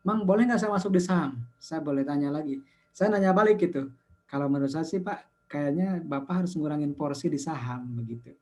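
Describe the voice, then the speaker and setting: A man in his fifties speaks in a fairly high but mellow voice. He walks through figures step by step in a talk-show conversation, often slipping into livelier voices to quote the people who ask him questions. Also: fairly quick. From Indonesia. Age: 50s. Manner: explaining with numbers, quotes callers in lively voices. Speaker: investment community founder.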